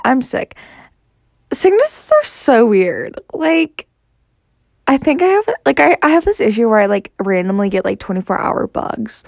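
A woman's voice: fairly high pitch, vocal fry, darkish tone, no echo, studio quality. A sick woman, a student, hosting a casual solo podcast, rambling and giggling with lots of "like". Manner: rambling, giggly, heavy use of "like". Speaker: podcast host.

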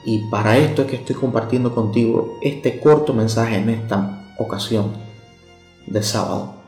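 A man's voice: lowish voice, moderate pace. Conversational male preacher in an echoey room. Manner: conversational, speaks directly to the listener. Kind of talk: sermon. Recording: echoey room with soft instrumental music.

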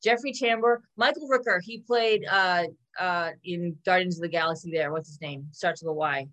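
A woman's voice: fairly low pitch, a bit bright. A woman co-hosting a podcast, running through a list in casual chat with fillers. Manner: quick list-reading with fillers. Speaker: podcast co-host.

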